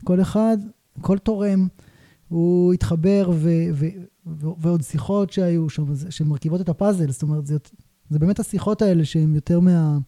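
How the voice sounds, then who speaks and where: Dark-voiced male podcast host, reflective. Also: a little high, dry recording. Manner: reflective, thinks aloud in long winding sentences. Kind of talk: casual interview conversation.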